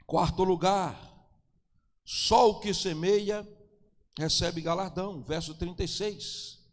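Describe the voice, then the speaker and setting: A man preaching as a pastor, moving from quiet storytelling to impassioned shouting, recorded in a church. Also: sits high, slow, big-room sound. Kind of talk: sermon.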